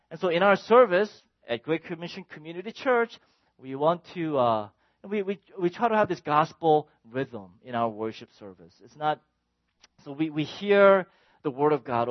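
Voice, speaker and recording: A man preaching a sermon in an animated way, sometimes shouting exclamations to make a point. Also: high voice, dry recording, lo-fi sound. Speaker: pastor.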